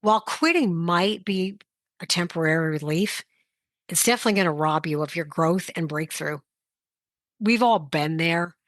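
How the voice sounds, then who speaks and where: A woman's voice: on the low side, moderate pace, dry recording, studio quality. A woman coach hosting a motivational talk, direct and plain-spoken, sharing personal stories in a conversational way. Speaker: sports coach, motivational podcast host.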